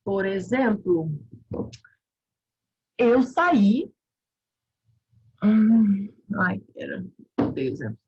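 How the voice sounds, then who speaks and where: Husky-voiced Brazilian woman teaching casually. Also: mid-range voice, expressive, darkish tone, highs cut off. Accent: Brazilian Portuguese. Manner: quick, informal, self-interrupting. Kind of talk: online grammar review lesson.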